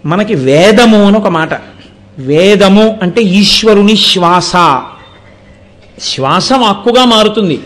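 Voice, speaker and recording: A man's voice: high voice, slow pace, pauses often, fairly bright tone. A man delivering a devotional sermon, explaining through rhetorical questions and recited verses. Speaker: religious discourse speaker.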